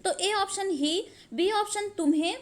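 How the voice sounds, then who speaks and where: A woman teaching a grammar lesson for exam preparation, explaining slowly with repeated examples and asking the viewer rhetorical questions. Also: very high voice. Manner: frequently checks understanding with rhetorical questions.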